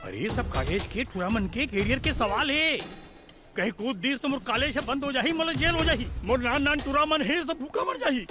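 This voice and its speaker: A flustered college principal. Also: male voice, very high voice, brisk. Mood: pleading. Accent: Chhattisgarhi. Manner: pleading, excitable. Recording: film audio under music and crowd.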